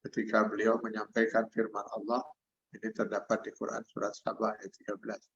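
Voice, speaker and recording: A man's voice: fairly low pitch, monotone, fairly quick, gravelly, a bit bright, slightly rough. An older man with an Indonesian accent, preaching a sermon over a video call, reciting Arabic verses and then explaining them. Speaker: Islamic preacher. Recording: dull lo-fi video call audio.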